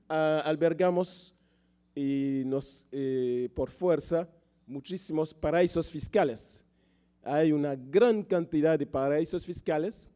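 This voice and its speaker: A man giving a political speech as a panel speaker, with a sore throat he often clears and measured, halting phrasing. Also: fairly high pitch, warm tone.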